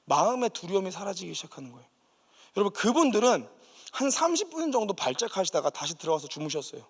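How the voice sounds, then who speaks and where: Lively high-voiced male preacher in echoey church. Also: fast, husky. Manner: vivid storytelling, emphatic. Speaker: guest pastor. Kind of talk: sermon with personal testimony. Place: church sanctuary.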